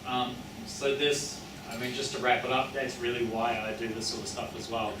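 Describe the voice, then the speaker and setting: Echoey, distant New Zealand bloke with tradie talk. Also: male voice, medium pitch, fairly even intonation, normal speed. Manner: talks like a working-class tradesman, matey and colloquial; rambling, self-correcting. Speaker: speaker giving a public talk on his research and book. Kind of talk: informal public lecture with audience questions. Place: indoor public venue with audience. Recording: echoey room, distant mic, clearly noisy.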